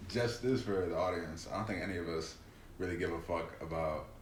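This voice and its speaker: A man's voice: low-pitched, brisk, roomy sound, slight background noise. A man co-hosting a podcast, talking bluntly and casually with profanity. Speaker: podcast co-host. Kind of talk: casual chat.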